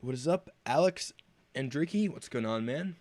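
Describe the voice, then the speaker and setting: A man's voice: mid-range voice, expressive, normal speed, a little mellow, no room sound, soft background music. Young man casting a strategy game. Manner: speculative, questioning play-by-play. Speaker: esports caster. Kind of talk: play-by-play game commentary.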